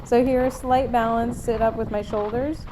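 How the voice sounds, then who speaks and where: Woman, casual upbeat sports-vlog narrator, horse rider; clearly noisy helmet-cam ride sound behind her. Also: on the high side, fairly even intonation, moderate pace. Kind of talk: casual voiceover commentary. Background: helmet-cam ambience of horse riding.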